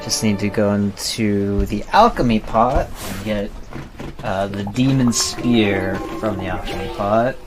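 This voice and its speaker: With video game music playing underneath, a man with a lowish voice streams his play and talks through it casually, slipping in dry comments. He speaks at a measured pace.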